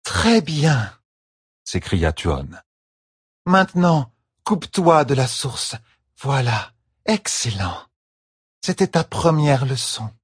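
A man's voice: medium pitch, big pitch swings, slow, long pauses, husky, no echo, studio quality, voice pushed up, full character voice. A man voicing an imperious young noblewoman in an audiobook, giving clipped, haughty orders. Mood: instructing. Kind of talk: audiobook character voice.

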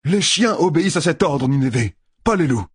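A man reading an audiobook voices a weary young lord and blacksmith who speaks earnestly and gently. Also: fairly high pitch, expressive, brisk, husky, no echo, clean studio sound, voice pushed up. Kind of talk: audiobook character voice.

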